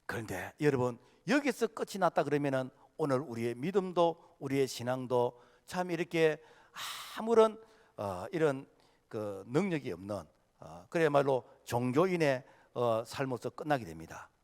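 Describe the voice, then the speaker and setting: A male senior pastor preaching a sermon, impassioned, full of filler "uh"s, swinging between loud outbursts and hushed passages. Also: mid-range voice, sing-song, normal speed. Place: church sanctuary. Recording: long hall reverb of a church sanctuary.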